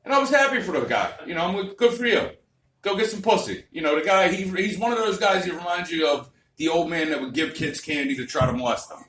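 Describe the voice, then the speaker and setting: Man, 30s, crude rambling stand-up comic, bright and animated, heard from a distant mic in a roomy club. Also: a little high, fast talker, few pauses. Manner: crude, vulgar, rambling storytelling. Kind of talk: stand-up comedy set. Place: comedy club stage.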